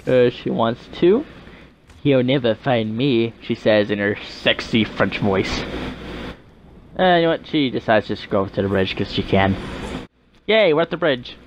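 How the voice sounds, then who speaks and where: A man's voice: mid-range voice, animated, brisk, highs cut off, a little hiss or hum. A man casually narrating a game video story in a rambling way, with chuckling asides.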